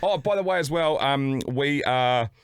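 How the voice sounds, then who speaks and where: A man's voice: mid-range voice, measured pace, clear, resonant tone, no echo. A man with a broad New Zealand accent talking casually as a podcast co-host in a blokey, sweary way. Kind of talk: casual talk.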